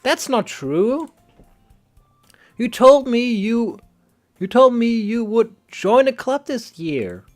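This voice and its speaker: A man voicing a cheerful teenage schoolgirl in a game, in a shaky, halting falsetto. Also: sing-song, darkish tone, soft background music, exaggerated voice. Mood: pouting.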